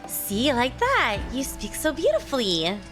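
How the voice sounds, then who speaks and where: A woman's voice: high-pitched, wildly swooping pitch, a little slow. A woman gamer reacting casually to a dating sim as she plays, with game music behind her.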